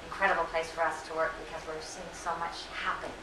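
A middle-aged woman answering audience questions at a lecture, earnest and full of fillers and self-corrections, her voice slightly hoarse. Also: deep voice, little pitch movement, quick pace, noisy background. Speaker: invited lecture speaker. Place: lecture hall. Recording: echoey room, distant mic.

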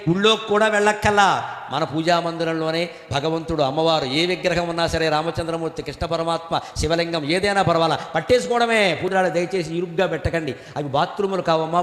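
A man's voice: high voice, a bit bright. An older man giving a spiritual discourse, joking, mimicking everyday people and chanting Sanskrit verses. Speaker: spiritual speaker. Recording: echoey hall with long reverb.

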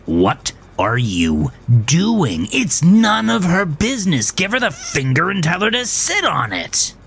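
A man's voice: on the low side, wildly swooping pitch, takes it slowly, bright, forceful tone, a little hiss or hum, exaggerated voice. A man voicing a gaunt, foul-mouthed imaginary male friend who is crude and irritable, in an audio drama. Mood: exasperated.

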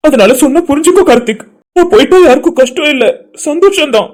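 Brief: grief-stricken young man in a cartoon drama, rapid and broken, begging to be left alone, a dubber voicing him. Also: high-pitched, animated. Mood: pleading. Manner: pleading, tearful and broken. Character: grieving young man, desperate and suicidal.

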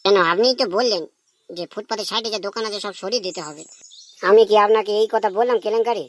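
A woman voicing a forgetful, eager-to-please male police officer in a comedy cartoon, with quick, deferential replies. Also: medium pitch, lightly acted. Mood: obliging. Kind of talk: cartoon voice acting.

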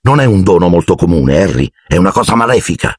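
A man's voice: sits low, very animated, fast, slightly rough, dry recording, studio quality, heavily acted. A man voicing an anxious twelve-year-old boy, the hero's friend, urgent and alarmed, for an audiobook.

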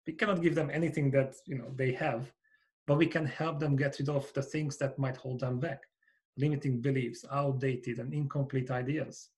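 A Hungarian-accented man in his forties speaks on a video-call podcast through a headset boom mic. His voice is mid-pitched and his delivery is earnest and measured. He sounds like he is in a small home office. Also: steady tone, a little mellow. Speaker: company founder, guest. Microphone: over-ear headset with boom mic.

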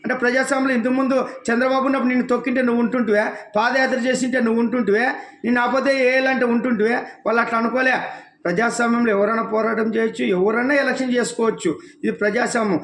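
A man's voice: very high voice, fairly bright tone, roomy sound. A man from the region giving an impassioned political rant, scolding his target with one rhetorical question after another. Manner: scolding, rhetorical questions, addresses listener as nuvvu. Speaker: devotional channel speaker.

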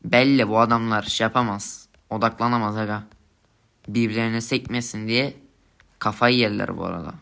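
A man's voice: lowish voice, steady tone, brisk, creaky, bright, forceful tone, smooth. A young man giving angry gameplay commentary, swearing and ranting at his teammates in frustration. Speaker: gamer streamer.

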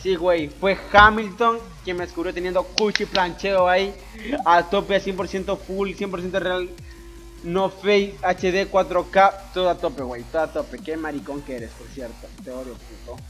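A man's voice: high-pitched, fairly even intonation, moderate pace, fairly bright tone, faint music behind. A young man from Ecuador, a YouTuber answering viewer questions in a boisterous, crude, joking way with lots of swearing. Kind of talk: casual Q&A voice-over over gameplay.

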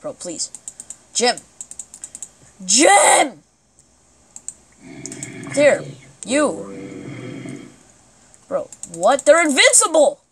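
Woman gamer, let's play commentary, excitable, sudden outbursts, higher voice, unhurried delivery. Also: slight background noise.

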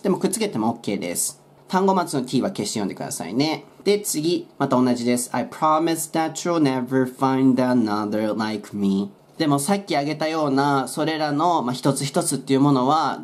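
A man's voice: on the high side, darkish tone. A man explaining English song lyric pronunciation in a friendly, explanatory way with playful asides.

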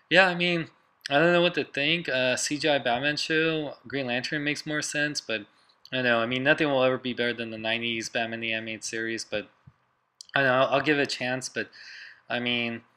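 A man's voice: mid-range voice, pushed and bright, clear, resonant tone. A man hosting an entertainment news video, commenting in an informal, somewhat hesitant way.

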